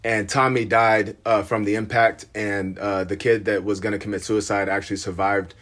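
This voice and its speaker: A man, a podcast host, telling a personal story in a halting, subdued way with many fillers and restarts. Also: fairly low pitch, level tone, fairly bright tone. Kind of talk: casual podcast conversation.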